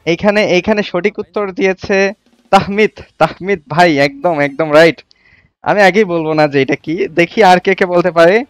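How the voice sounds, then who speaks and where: A man hosting a casual live stream, chatting with viewers and reading their comments out as he quizzes them. His voice is smooth and clear, a little higher than most men's. The sound is dry and close, with no room echo. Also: normal speed. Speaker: livestream host.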